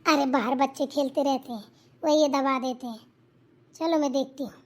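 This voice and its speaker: A woman's voice: sits high, steady tone, a little mellow, pitched below the performer's own voice, lightly acted. A woman voicing a bossy, meddling young sister-in-law in a cartoon, giving orders and advice. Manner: quick, bossy, advising. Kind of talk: cartoon voice acting.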